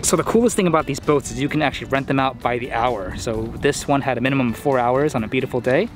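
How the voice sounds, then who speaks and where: A man's voice: mid-range voice, fast talker. Upbeat man giving a boat tour. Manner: upbeat, touring and pointing things out. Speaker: vlog host. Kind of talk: casual travel vlog. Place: outdoors on a boat deck and inside a boat cabin. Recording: music playing under the voice.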